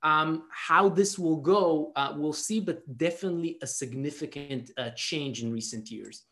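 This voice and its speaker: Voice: mid-range voice, moderate pace, a bit bright. Hedging academic panelist, thoughtful. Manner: hedging, thoughtful, many fillers.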